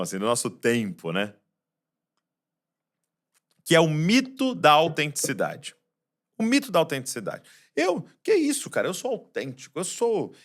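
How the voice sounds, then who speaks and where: In this Christmas sermon, a man preaches by turns in soft, low stretches and loud, raised ones, packing his words with rhetorical questions.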